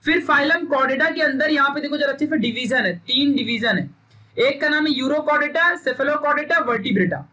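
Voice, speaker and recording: A man's voice: extremely high pitch, brisk, sharp tone. A young man teaching a recorded science lesson, emphatic and stern, drilling points and scolding students into memorizing. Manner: stern, scolding pep talk.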